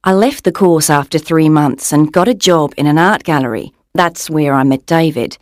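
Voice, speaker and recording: A woman's voice: sits low, normal speed, no echo, clean studio sound, close to an everyday voice. A woman voicing a cheerful young Australian gallery owner with an Australian accent, talking in a friendly, chatty way in a scripted coursebook monologue. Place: dry studio booth.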